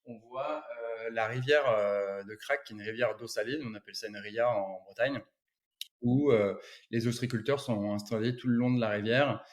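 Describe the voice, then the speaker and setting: A man's voice: medium pitch, normal speed. A man from Brittany, a photographer, talking as an interview guest in a rambling way with many restarts. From Brittany, France. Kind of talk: casual interview chat.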